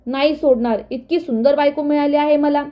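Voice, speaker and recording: A domineering young husband who threatens and bullies, read out by a woman. The voice is high, and the recording sounds dull and lo-fi. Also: steady tone, fairly quick, close to an everyday voice. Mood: menacing. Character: menacing bullying young husband.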